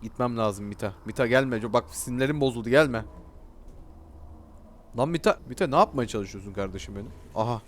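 A young man hosting a gaming channel, giving excitable, slangy commentary with casual swearing while he talks back to the game characters. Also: mid-range voice, brisk. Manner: reads on-screen dialogue aloud.

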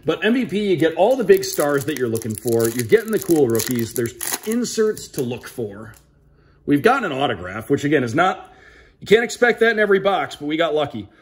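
Fairly high-pitched and fairly quick, this man's voice swings widely in pitch. He's a hockey broadcaster hosting a casual card unboxing, upbeat and announcer-like, calling out names in sportscaster style.

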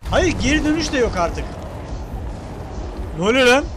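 A man's voice: very high-pitched, big pitch swings, normal speed, a little hiss or hum. A man streaming a video game, commenting casually, swearing and talking back to what happens on screen. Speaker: gameplay streamer. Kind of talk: casual let's-play commentary. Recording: loud game music behind the voice. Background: game music.

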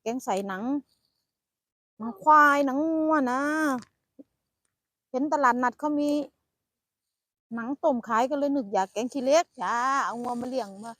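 An older woman from northeast Thailand, speaking with an Isan accent, chats casually by the roadside while foraging and talking to her grandchild. This vlogger's high-pitched, slightly bright voice moves at a moderate pace with frequent pauses, and she laughs often. Recorded outdoors on a phone camera, there's no room sound.

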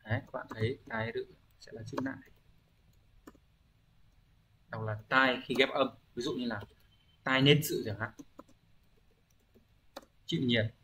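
A man's voice: medium pitch, fairly even intonation, a little slow, pauses often, bright, forceful tone, slight background noise. A man teaching a recorded language exam-review lesson, explaining patiently and often asking rhetorical check-in questions, with frequent hesitation fillers as he thinks aloud.

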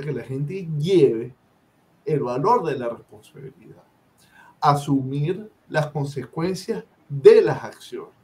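A man's voice: fairly high pitch, a little mellow. A Venezuelan man, a guest professor, speaks emphatically and lectures his opinions in a live-stream discussion.

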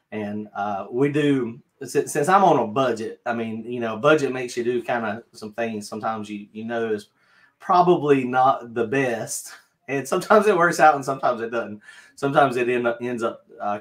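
Southern North Carolina man, middle-aged, easygoing livestream host, rambles and restarts a lot, mid-pitched voice. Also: normal speed. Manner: rambling, self-deprecating, many fillers and restarts. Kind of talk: casual livestream chat. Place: home craft studio, indoors.

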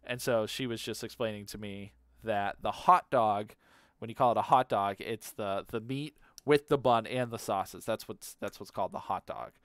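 A man's voice: fairly low pitch, moderate pace, no room sound, studio quality. A man chatting casually while he streams a game, rambling, laughing easily and humming to himself. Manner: rambling and easily amused, repeats words aloud, hums to himself.

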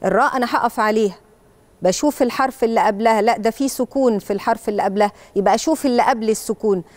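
This is a woman with an Egyptian accent giving children a Quran recitation lesson. Her voice sits a little high, and she explains the rules patiently, step by step. When she models a verse, she draws each word out slowly. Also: no room sound. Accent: Egyptian Arabic.

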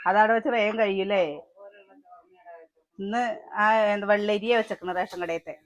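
At a medium pitch and normal speed, with a steady tone, a mother with a Malayali accent talks to the camera for her casual home vlog. She's in the kitchen making breakfast and calling out to her children, recorded with lo-fi sound.

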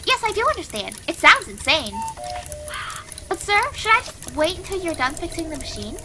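Woman playing a high-voiced curious little girl. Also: sing-song, moderate pace, loud music behind the voice, full character voice. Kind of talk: video game read-aloud.

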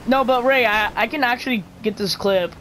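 A man's voice: very high-pitched, normal speed, fairly bright tone, slight background noise, low-quality recording. A man bantering and teasing his friends in casual voice chat while gaming, laughing often. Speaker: gamer.

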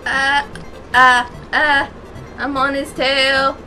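A young woman hiccuping and laughing loudly as she chats casually while playing a video game with friends in a living room. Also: high-pitched, very slow, soft background music. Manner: giggly, animated, loud laughter. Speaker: let's play co-host. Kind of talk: casual gaming chat.

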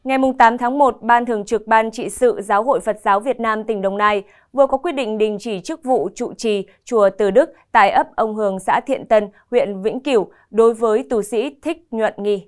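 A young woman anchoring the news in a TV studio with a crisp, formal delivery. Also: a little high, moderate pace, hardly any pauses.

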